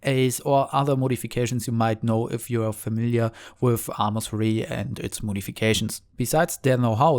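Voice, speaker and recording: A man's voice: mid-range voice, a little mellow. A young man with a German accent, a native German speaker, explaining the story of his game mod project in a casual, earnest devblog. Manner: earnest, explanatory, slightly non-native phrasing.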